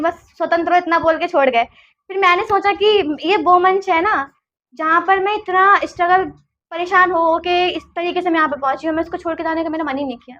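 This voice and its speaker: A young woman, a junior civil engineer, telling her story earnestly and haltingly in a casual interview. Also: very high voice, a bit bright, dull audio.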